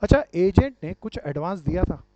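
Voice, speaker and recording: A man's voice: sits high, big pitch swings, brisk, a little mellow, dry recording. Male teacher, quizzing style, slightly dull lo-fi recording. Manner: quizzing students, calls them dear friends and brother. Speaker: commerce teacher. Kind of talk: classroom lecture with questions to students. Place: classroom. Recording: dull lo-fi sound.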